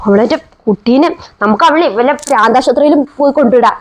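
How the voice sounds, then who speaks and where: Woman playing a shrill nagging mother-in-law. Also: quick pace, lightly acted. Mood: scolding. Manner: nagging, shrill, scolds and insults. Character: bossy scolding middle-aged mother-in-law. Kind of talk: family skit acting.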